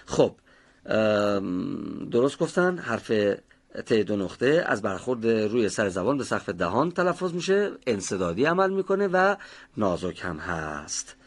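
A man's voice: fairly low pitch, sing-song, slightly rough. A man teaching a pronunciation class, patiently explaining how each sound is made and calling on students by name.

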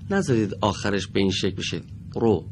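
A man teaching Quran recitation on a radio lesson in a studio, speaking slowly and patiently, modeling sounds and correcting students. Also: fairly low pitch, animated, a little mellow, a little hiss or hum. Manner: slow, patient, carefully models and corrects pronunciation.

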